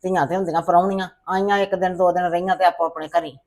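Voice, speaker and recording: A woman playing a patient, soothing mother-in-law in a family drama who keeps advising calmly. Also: lowish voice, fast talker, close to an everyday voice. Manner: calm, soothing, calls her "son".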